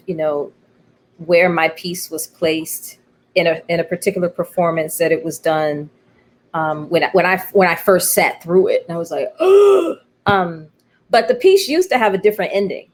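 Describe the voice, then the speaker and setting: Interviewed about her creative work, a playwright speaks candidly at a normal speed in a slightly low voice. She's reflective and expressive, dropping quoted remarks into her answers.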